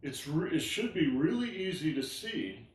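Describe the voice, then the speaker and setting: A man teaching an online tai chi class, explaining gently and often checking in with "all right?". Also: fairly high pitch, sing-song, normal speed. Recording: roomy echo.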